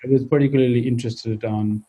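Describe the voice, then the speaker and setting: Mellow, husky-voiced man from Nepal. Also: mid-range voice, steady tone, fast talker, lo-fi sound. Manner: hesitant, many "uh" fillers and restarts, throat clearing. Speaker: guest, tech company founder. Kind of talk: interview answers.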